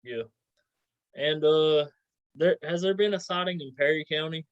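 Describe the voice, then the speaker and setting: A man's voice: on the high side, measured pace, smooth, no room sound. A man chatting casually as an interviewer, informal and a bit hesitant. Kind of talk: casual chat. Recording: dull, dry, lo-fi sound.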